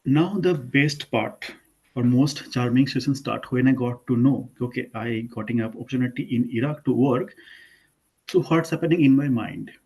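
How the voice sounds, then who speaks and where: A man's voice: medium pitch, moderate pace, darkish tone, husky, rough recording. A young Indian man speaking English with an Indian accent, giving an online lesson to students in an informal way, with frequent fillers and self-corrections. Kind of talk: presentation to school students.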